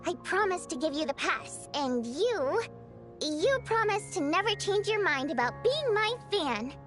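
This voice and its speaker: A young female water imp from a fantasy game, with a high, swooping voice. She is theatrical and cheerful, quick to get flustered, with light music underneath. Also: heavily acted. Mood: cheerful, reassuring. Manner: expressive, theatrical, easily flustered. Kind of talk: animated game voice acting.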